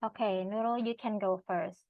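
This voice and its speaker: A woman's voice: medium pitch, fairly even intonation, moderate pace, dry recording. Woman running a zoom room, polite, slightly muffled dry sound. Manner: polite, directing speakers with fillers. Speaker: moderator. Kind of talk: moderating an online seminar. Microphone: video call.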